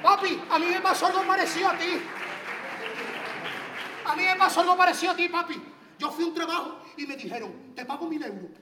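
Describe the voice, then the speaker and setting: A man doing a brash young police cadet who teases everyone, loud and mocking, with a strikingly high voice. He sounds a little distant from the mic in an echoey room, with a crowd murmuring behind. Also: fairly quick, pauses often, noisy background. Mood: teasing. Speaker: police academy recruit. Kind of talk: comedy sketch acting.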